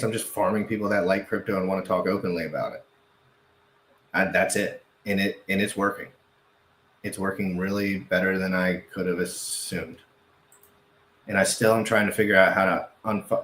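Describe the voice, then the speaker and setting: Guy livestreaming, low-ish voice, rambles and repeats himself, roomy echo w/ faint hiss. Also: a bit bright. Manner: rambling, self-correcting, repeats phrases for emphasis. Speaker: crypto livestreamer. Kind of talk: casual livestream chat.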